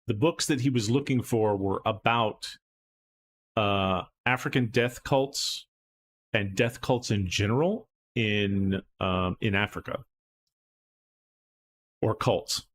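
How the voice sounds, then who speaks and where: A man's voice: mid-range voice, fairly bright tone, slight background noise. A man acting as game master, recapping a tabletop horror game in a loose, rambling way full of fillers and restarts.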